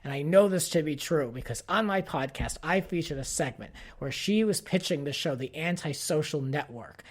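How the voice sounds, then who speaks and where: In a higher, expressive voice at ordinary speed, this podcast host vents fan frustration in an informal commentary on pop culture, full of strong opinions and frequent uses of "like."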